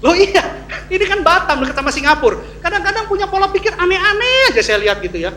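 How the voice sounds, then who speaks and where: High, lively joking pastor man. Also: quick pace. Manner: lively and joking, swinging from loud emphasis to low asides. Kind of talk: sermon. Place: church hall. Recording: echoey church hall, faint hum.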